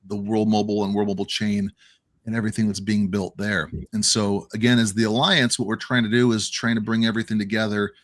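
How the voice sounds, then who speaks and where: A man's voice: on the low side, fairly bright tone, no echo. A man hosting a casual online chat, rambling and often repeating and correcting himself over a video call. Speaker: host.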